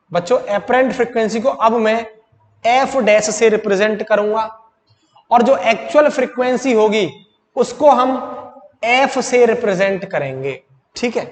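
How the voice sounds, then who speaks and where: A man with a fairly high voice teaches physics in a Hindi accent. He keeps asking the class to repeat each key term and stretches the important words out slowly. The sound rings with a long echo from the classroom walls. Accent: Hindi-accented English. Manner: drawls out key terms slowly. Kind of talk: classroom lecture. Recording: echoey classroom, reverberant.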